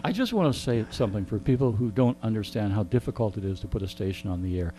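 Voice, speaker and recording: With a fairly low, dark voice, quick pace, and lively intonation, a man rambles through jokey anecdotes as a guest in a radio studio interview. A faint mains hum can be heard.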